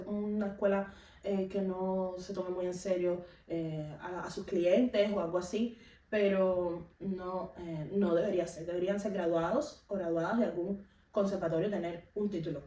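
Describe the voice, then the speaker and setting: A woman from Cuba, a music teacher who vlogs, speaks with a Cuban accent in a medium-pitched, dark voice. In a casual, instructive way she explains things and hands out practical advice. A distant microphone picks her up in an echoey room.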